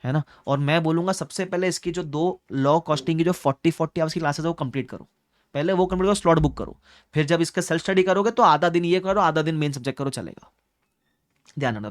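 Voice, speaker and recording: A man's voice: on the high side, quick pace, no room sound, clean studio sound. A young man coaching exam students, talking directly and like an older brother, often checking that they follow. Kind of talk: advice talk to students, mixing in English phrases.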